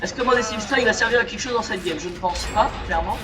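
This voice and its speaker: A man's voice: sits high, fast talker. Joking man narrating his gameplay. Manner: joking, chatty, talks to game characters. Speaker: gamer. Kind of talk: casual gameplay commentary. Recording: echoey, distant mic, game music. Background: game music.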